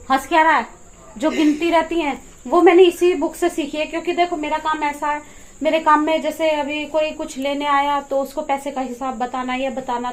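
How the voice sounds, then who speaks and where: A middle-aged woman, chatting casually to camera in a home vlog while she explains things and does chores. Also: high-pitched. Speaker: vlogger. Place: home kitchen and yard.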